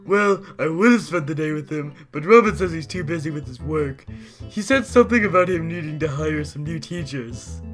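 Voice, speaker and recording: A woman's voice: sits low, expressive, moderate pace, faint music behind. A woman voicing an eager, earnest young puppet boy in a cartoon fan dub. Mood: innocent, curious. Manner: earnest, childlike. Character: innocent, eager eight-year-old puppet boy.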